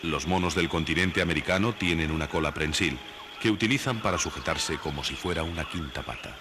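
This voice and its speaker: A man reading scripted nature documentary narration in a measured, didactic way. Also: very deep voice, heavy background noise. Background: background music.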